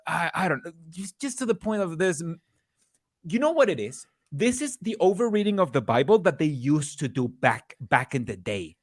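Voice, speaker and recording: A man's voice: on the high side, dry recording, studio quality. A man co-hosting a podcast in casual chat, rambling with frequent restarts and easy laughter. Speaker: podcast co-host.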